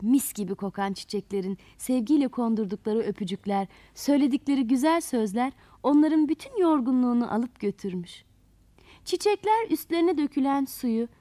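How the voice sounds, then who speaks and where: A woman storyteller reading a children's fairy tale aloud in an expressive way. Her high voice rises and falls a lot and speaks straight to the children listening. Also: no room sound.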